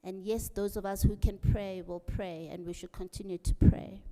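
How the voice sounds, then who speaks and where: A woman speaks at a campaign rally with a mellow, darker tone. She is earnest and rousing as she urges her supporters on. Her voice carries a long reverb from a large hall. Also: mid-range voice, steady tone, normal speed. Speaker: political candidate.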